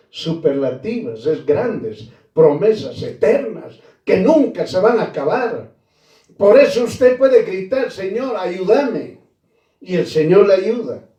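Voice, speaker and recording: Slow, emphatic preacher, echoey and distant. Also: male voice, high-pitched, dark tone, muffled recording. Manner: slow emphatic preaching, repeating key phrases; addresses listeners as brother. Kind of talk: sermon.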